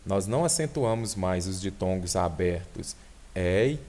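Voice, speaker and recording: A man's voice: sits low, animated, a little slow, mellow. A man with a Brazilian Portuguese accent, teaching an online exam-prep lesson and explaining step by step while checking in with his students.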